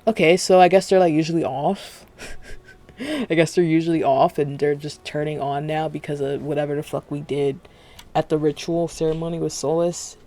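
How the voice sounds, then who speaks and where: Gravelly man rambling through late-night commentary. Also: fairly high pitch, fairly even intonation, normal speed, mellow. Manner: rambling, profane, self-interrupting. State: talking with retainers in. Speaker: streamer. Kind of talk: casual reaction commentary.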